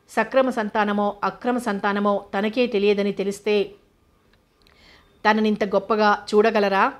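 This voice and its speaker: A woman narrating an audio novel in a steady, measured reading voice. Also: medium pitch.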